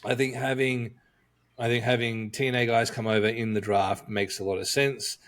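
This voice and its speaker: A man's voice: medium pitch, little pitch movement, moderate pace, a bit bright. Chatty man co-hosting a podcast. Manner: chatty and jokey, thinking aloud with frequent fillers. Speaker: podcast co-host. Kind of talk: casual podcast chat.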